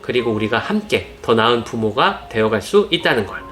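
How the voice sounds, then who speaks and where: Male narrator, mid pitch, earnest gentle advice read over faint music. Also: very animated, brisk. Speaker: parenting channel narrator. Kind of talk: scripted narration. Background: soft background music.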